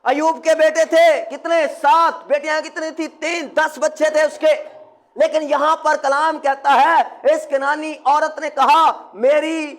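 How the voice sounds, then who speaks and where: A man preaching with a very high-pitched voice, the pastor leading his flock through a sermon. He fires questions at the congregation and has them call the answers back, sometimes rising to a shout. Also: level tone. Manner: call-and-response, quizzing the congregation; bursts into shouting.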